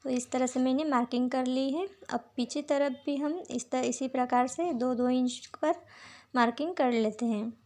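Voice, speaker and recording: A woman with a sore throat, calmly walking viewers through a sewing tutorial step by step. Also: high voice, normal speed. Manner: patient, repeats "dekhiye" while showing each step. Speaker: sewing teacher.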